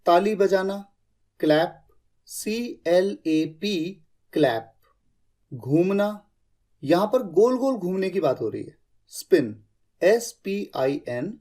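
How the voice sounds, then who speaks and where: Vocabulary teacher, unhurried and mellow, spells out every word, then closes it with a low, firm repeat. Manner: says each word, spells it letter by letter, repeats it; drops to a lower, firmer pitch on the final repeat. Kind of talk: scripted vocabulary lesson.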